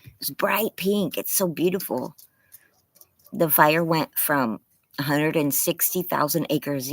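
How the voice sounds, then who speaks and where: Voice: mid-range voice, a bit bright, no echo. A livestreamer chatting casually and apologetically through a face mask, muffled, anxious, with a strained, tired throat. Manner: apologetic, rambling. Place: outdoors in a yard.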